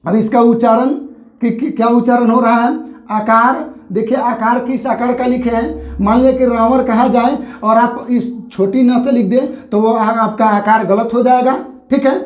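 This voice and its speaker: A man's voice: very high voice, fairly even intonation. Man teaching grammar in an echoey room. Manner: explains slowly, repeating each point with ठीक है. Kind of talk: grammar lesson at a board.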